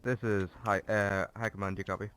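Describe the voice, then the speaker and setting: A man's voice: on the low side, level tone, fairly quick, fairly bright tone, clear, resonant tone. A man talking plainly over a game radio channel, sounding distant as he reports to his commander. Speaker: player in a team shooter game. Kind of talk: casual radio chatter in a game.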